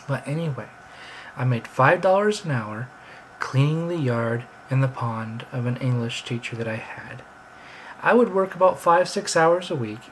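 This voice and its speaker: A man's voice: medium pitch, slight background noise, rough recording. An American man telling rambling, chatty stories in a casual monologue. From United States. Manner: rambling, chatty, drifting between anecdotes. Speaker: vlogger.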